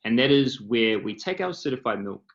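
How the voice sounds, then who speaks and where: This New Zealand-accented company founder speaks in a mid-range, creaky voice, animated and fairly quick, on a video call panel. His computer mic cuts off the highs. He explains steadily while filling gaps with ums and uhs.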